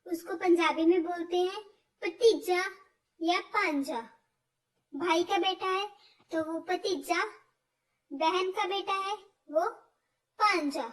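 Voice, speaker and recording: Slow high-voiced woman teaching vocabulary. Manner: repeats each word slowly with stress. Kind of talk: explaining vocabulary, slow and repetitive. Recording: voice from far off the mic.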